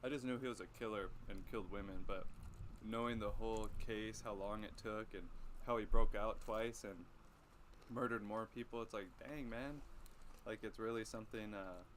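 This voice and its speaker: A man's voice: on the low side, steady tone, moderate pace, fairly bright tone, a little hiss or hum. A young man in casual chat, laid-back and a little nervous, with dry jokes. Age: young adult. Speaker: vlogger's partner. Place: outdoors in sunlight.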